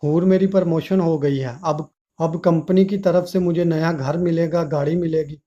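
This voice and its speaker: A man's voice: a little high, steady tone, normal speed, warm tone, lightly acted. A man voicing a loving young husband who pleads tenderly, in a dull lo-fi recording.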